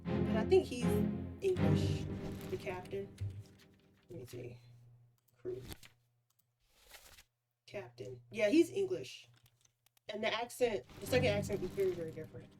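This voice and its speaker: A woman's voice: mid-range voice, lively intonation, measured pace, long pauses. A woman streamer thinking aloud as she plays a game, musing and trailing off mid-thought in a casual way. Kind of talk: casual live gameplay commentary. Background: game music.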